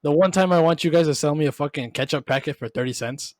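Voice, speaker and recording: Kinda high-voiced guy, tipsy, swearing and mixing spanglish in podcast banter, dry sound. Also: quick pace, dry recording. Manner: profane, slangy, mixes Spanish into English. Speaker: podcast co-host. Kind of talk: casual banter with friends.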